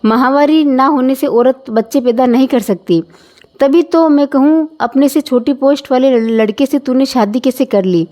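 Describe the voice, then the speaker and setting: A woman's voice: high voice, moderate pace, warm tone, close to an everyday voice. A woman voicing a strict, traditional older mother-in-law with a scolding, insistent manner, in a storybook reading.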